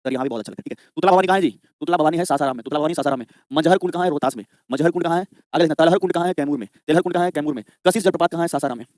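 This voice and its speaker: A man's voice: a little high, racing, hardly any pauses, a little mellow, no echo, clean studio sound. A man teaching a live online exam-prep class, drilling students with repeated questions and answers.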